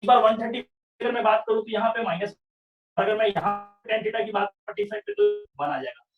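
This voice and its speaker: High-voiced maths teacher, echoey room. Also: male voice, huge pitch swings, brisk, far from the mic, phone-quality sound, over music. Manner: explains step by step, often asks "sahi hai kya?". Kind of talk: online revision class lecture.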